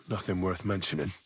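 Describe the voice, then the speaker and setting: A man's voice: low voice, breathy edge, heavily acted. A young man voicing an earnest, curious squire in a game, thinking aloud and asking questions. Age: young adult.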